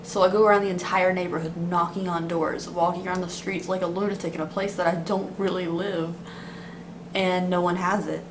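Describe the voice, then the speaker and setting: A beauty vlogger in her twenties vents to the camera at length in a casual, complaining monologue. Her voice sits on the low side with little pitch movement, and she talks fairly quickly. The recording is clearly noisy, made indoors in a small, dim apartment room.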